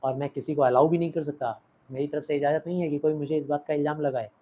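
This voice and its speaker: In a Hindi-English literature lesson, a man with an Indian English accent explains a play line by line, switching languages as he goes. His voice sits on the high side with fairly even intonation and a quick pace. The recording is muffled, with slight background noise.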